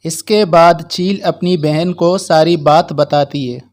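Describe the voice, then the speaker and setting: A man tells a children's cartoon story in calm, steady narration. His pace is unhurried and his voice sits fairly high for a man.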